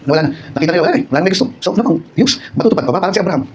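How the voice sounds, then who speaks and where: A middle-aged Filipino man preaching at a church service in a rapid-fire torrent of words. His voice sits a little high and he keeps turning to the congregation with rhetorical questions. A faint room hum runs under him. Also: lively intonation. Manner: personal storytelling with acted quotes. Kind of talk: midweek sermon, conversational.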